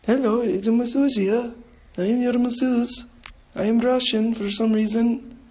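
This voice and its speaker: A man's voice: very high voice, steady tone, a little slow, a little mellow, voice pushed up. A man playing a pretend Russian masseuse at a hotel door, with an overly formal put-on accent. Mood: playful. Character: loud mock-Russian female masseuse at the door.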